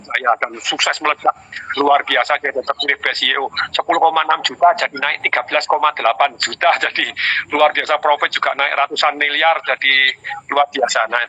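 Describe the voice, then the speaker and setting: Middle-aged guy telling stories, high very bright voice, emotional, lots of repeated exclaiming. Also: slightly rough, rough recording. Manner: emotional, animated storyteller with many repeated exclamations. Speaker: guest, business coach. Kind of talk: conversational storytelling interview.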